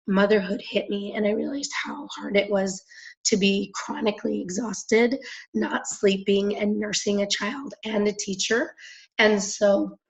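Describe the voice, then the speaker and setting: Young woman host, hoarse and raspy, chatty and filler-heavy, mid-pitch, dull lo-fi call line. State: hoarse, clearing throat. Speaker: independent promoter hosting a conference call. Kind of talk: casual phone-call presentation. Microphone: phone or conference line. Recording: dull lo-fi conference call audio.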